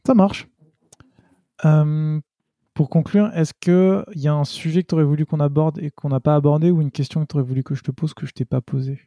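A man hosting a casual interview podcast, relaxed and a little halting in his speech. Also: on the high side, no echo, dull audio. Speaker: podcast host.

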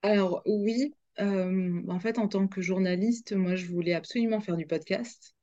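A woman's voice: medium pitch, moderate pace, warm tone, dry recording, lo-fi sound. A young woman, a radio journalist, chatting as a guest in a podcast interview, hesitant with many fillers and restarts.

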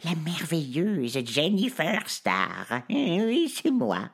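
A man's voice: on the high side, sing-song, takes it slowly, vocal fry, a bit bright, husky, voice pushed up, exaggerated voice. A vain storybook witch playing the glamorous star, as a male narrator puts her on. She drawls in a raised voice that swoops wildly up and down. She takes her time with every line. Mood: grand, haughty. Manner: affected, drawling diva airs. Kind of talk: children's storybook reading.

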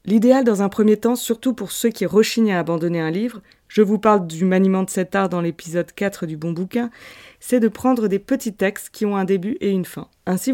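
French woman host, scripted and playful, mellow voice. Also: mid-range voice. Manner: lively, playful storytelling with asides. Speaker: podcast host. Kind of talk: scripted literary podcast monologue.

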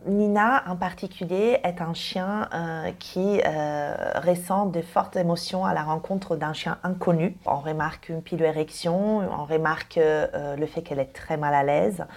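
Woman in her 30s from Italy, lowish voice, guest who speaks hesitantly. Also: a little slow, few pauses, a little mellow. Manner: hesitant, many fillers, thoughtful. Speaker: dog trainer guest. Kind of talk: interview answers.

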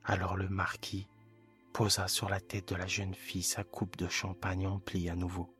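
A man reading a classic short story aloud as a calm, hushed bedtime narration. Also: low voice, faint music behind. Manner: calm, hushed, measured delivery. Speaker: audiobook narrator.

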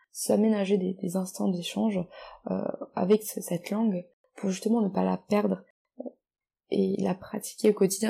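Gravelly, husky young Frenchwoman. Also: medium pitch, dark tone. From France. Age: 20s. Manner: measured, reflective, with hesitant restarts when speaking freely. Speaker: guest. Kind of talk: reading own poetic text, then casual interview talk.

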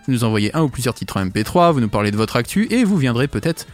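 A man's voice: mid-range voice, big pitch swings, fast talker, faint music behind. A man hosting a radio magazine show in a chatty, welcoming way, his diction slightly impaired after having his wisdom teeth out. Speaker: radio host. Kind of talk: upbeat magazine show presenting.

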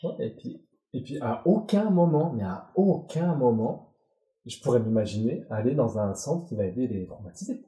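A man's voice: mid-range voice, lively intonation, moderate pace, dark tone. A man in his forties, a former athlete, speaking candidly and bluntly as an interview guest, often swearing. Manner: emotional, blunt, swears freely. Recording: roomy echo.

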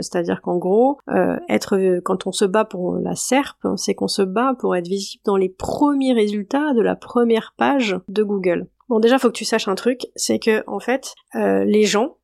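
A woman's voice: mid-range voice, creaky, a little mellow, no room sound, studio quality. A woman host over forty, explaining in a chatty, direct way with many fillers, talking straight to the listener. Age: 40s or older. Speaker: podcast host and business coach. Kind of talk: casual explanatory podcast.

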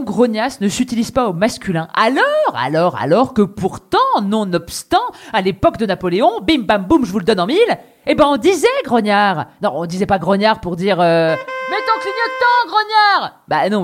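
Young woman, scripted comic monologue, wry and animated, big swings in volume. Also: mid-range voice. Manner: wry, theatrical, swinging between loud and hushed. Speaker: podcast host.

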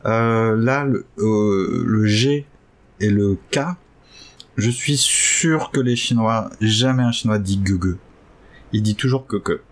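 A man hosting a casual chat who hesitates a lot and jumps up excitedly in pitch now and then. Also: slow. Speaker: podcast host learning Chinese.

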